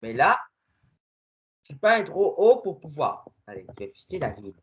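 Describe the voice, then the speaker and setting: Excitable gamer man, lively pitch. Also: lo-fi sound. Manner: excitable, quick swings between muttering and shouting. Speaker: gamer playing with a friend. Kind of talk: casual gaming commentary.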